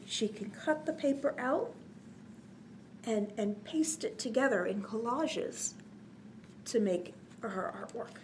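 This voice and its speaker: Reading a picture book to children, a woman with a slightly high voice uses lively, sing-song emphasis, pausing now and then to explain and pose questions. Some faint background noise can be heard.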